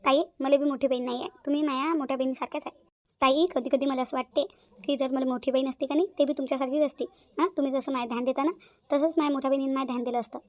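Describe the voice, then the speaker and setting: A woman's voice: high-pitched, level tone, racing, dry recording, lightly acted. A woman voicing a devoted younger sister-in-law in a cartoon, earnest and insistent. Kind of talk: cartoon voice acting.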